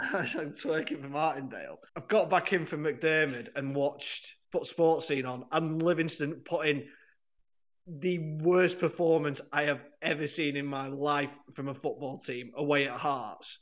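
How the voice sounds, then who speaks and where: Guy, slightly high voice, rambles and corrects himself, muffled lo-fi audio. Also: steady tone, a little slow, a bit bright. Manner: rambling, self-correcting, laughs often. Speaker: podcast co-host. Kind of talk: casual football chat. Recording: dull lo-fi sound.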